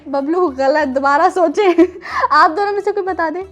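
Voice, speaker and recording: Music plays behind a woman hosting a children's show, her very high voice moving at a moderate pace. She tells stories and chats playfully with children, asking many questions in a teasing, teacherly manner.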